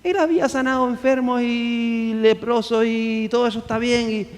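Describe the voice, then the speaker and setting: A man's voice: very high-pitched, fairly even intonation, moderate pace, in a large hall. A man preaching a sermon as pastor, emphatic, firing rhetorical questions and calling on the congregation to repeat after him.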